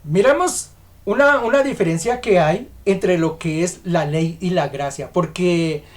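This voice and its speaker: A man's voice: high voice, measured pace. A man preaching a sermon, emphatic and questioning, putting rhetorical questions to the congregation.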